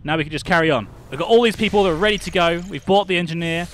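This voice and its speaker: A man's voice: on the high side, very fast, a little hiss or hum. Chatty British man streaming a game. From United Kingdom. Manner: chatty, greets viewers, thinks aloud, laughs often. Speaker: livestreamer. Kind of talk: casual game livestream chat.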